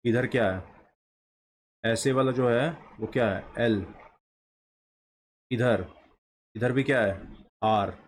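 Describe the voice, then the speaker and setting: A man teaches at a slow, unhurried pace, asking a question and then answering it himself. His pitch sits in an ordinary middle range. A faint hiss of room noise stays under his voice. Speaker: shorthand teacher. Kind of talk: explaining a lesson while drawing.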